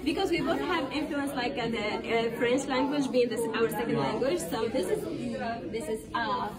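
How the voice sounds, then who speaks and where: A woman's voice: on the high side, normal speed. A young woman explaining things casually and hesitantly, with many fillers. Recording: distant voice in loud crowd.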